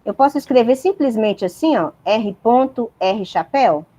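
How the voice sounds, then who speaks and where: A woman's voice: a little high, animated, normal speed, warm tone. A woman giving a university physics lecture, explaining step by step and checking in with her students.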